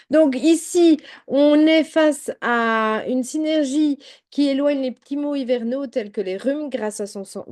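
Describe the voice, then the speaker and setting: A woman talks casually to her viewers, presenting a product. She speaks directly to them and fills her talk with little fillers. Her voice sits a bit high but sounds mellow and soft. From Belgium. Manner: chatty, addresses viewers directly with many fillers. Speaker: home-products sales adviser.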